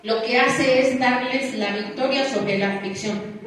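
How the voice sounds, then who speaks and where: A woman preaches in a high voice, slowly and deliberately. She teases her listeners and peppers them with rhetorical questions. She is heard from some distance in a very echoey room over faint background noise. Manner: lively, teasing, asks the congregation rhetorical questions. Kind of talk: sermon.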